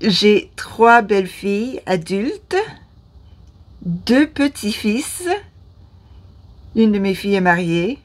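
A vlogger in her fifties from Ottawa speaks to camera casually in a small indoor room, her Canadian French accent coming through a medium-pitched, expressive voice. She's slow, with long pauses, and hesitant, often losing her words and restarting.

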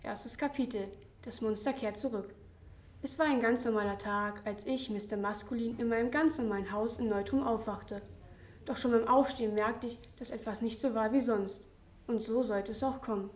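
A woman's voice: a little high, moderate pace. Young teen girl reading aloud, echoey. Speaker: student reading her story. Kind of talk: reading aloud a comic first-person story. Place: school reading event. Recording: roomy, distant mic.

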